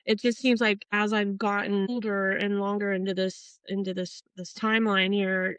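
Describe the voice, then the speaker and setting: A woman's voice: medium pitch, a bit bright, smooth, no echo, low-quality recording. A middle-aged woman from Portland, Oregon, a tattoo artist telling her story in a casual interview, rambling and swearing with many fillers.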